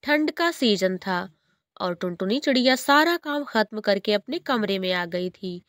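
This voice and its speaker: A woman narrating a cartoon story in a steady, expressive storyteller manner. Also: mid-range voice, a little slow, no room sound, studio quality.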